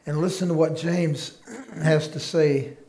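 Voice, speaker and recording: A man's voice: on the high side, takes it slowly. A male pastor giving an informal sermon, joking easily with his congregation. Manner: relaxed, joking banter with congregation. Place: church sanctuary. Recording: echoey church room.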